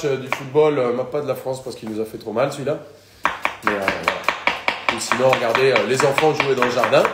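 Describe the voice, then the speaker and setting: A young man with a Colombian accent, working as a chef, jokes and chats with viewers during a live cooking demonstration. His mid-range voice is reverberant, with heavy background noise.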